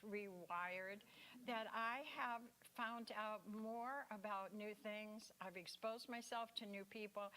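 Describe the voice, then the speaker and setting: Chatty woman giving a Sunday talk. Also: medium pitch. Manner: chatty and animated, playful asides. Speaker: speaker at a spiritual center. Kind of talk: sermon talk.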